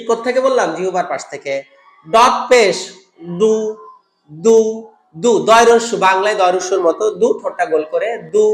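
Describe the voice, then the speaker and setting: Slow, echoey male Quran teacher. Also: high-pitched, fairly bright tone. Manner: drills letters, repeating syllables slowly. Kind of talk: tajweed pronunciation lesson. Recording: echoey room.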